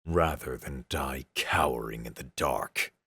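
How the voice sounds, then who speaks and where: Man playing a grim space commander, very deep slow delivery, audiobook sci-fi. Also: pushed and bright, breathy edge, no echo, heavily acted. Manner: low and grim. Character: grim male human commander, steady and low.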